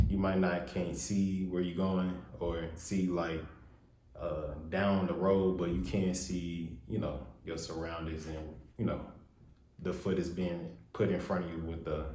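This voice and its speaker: A man giving a casual spiritual tarot reading in a loose, rambling way with a naturally monotone voice, his words washed in heavy room reverb. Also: low-pitched. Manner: loose, rambling, with many fillers. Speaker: tarot reader. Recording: echoey untreated room, faint noise.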